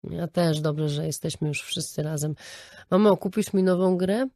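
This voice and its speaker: A woman's voice: sits low, moderate pace, mellow, no echo, clean studio sound. A woman voicing a cheeky, playful young boy in an audiobook.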